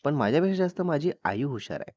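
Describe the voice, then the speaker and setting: A man doing a gentle young father. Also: fairly high pitch, quick pace, dry recording, dull audio. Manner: calm, reassuring explaining. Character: young father, gentle and proud of his daughter.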